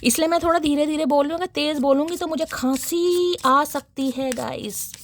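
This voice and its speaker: Tarot reader, woman, bright high voice, chatty with viewers, keeps clearing a dry throat. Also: fairly even intonation, normal speed, a little hiss or hum. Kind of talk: casual tarot reading.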